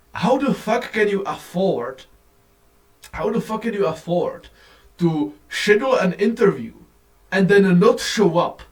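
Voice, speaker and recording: A man in a casual, profane, rambling rant to camera, on a low-quality phone recording. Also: recorded from a distance. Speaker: vlogger.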